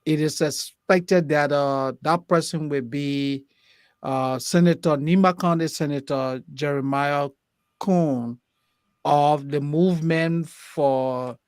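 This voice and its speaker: A man on a talk show panel, speaking slowly and deliberately with many fillers. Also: on the high side, steady tone, darkish tone, smooth, no echo, clean studio sound. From Liberia. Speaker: co-host panelist.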